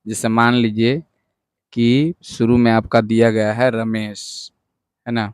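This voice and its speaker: A man's voice: mid-range voice, clear, resonant tone, dry recording, clean studio sound. A male teacher giving a patient lesson at a board, going over each point again and checking that the class follows. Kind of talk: whiteboard lesson.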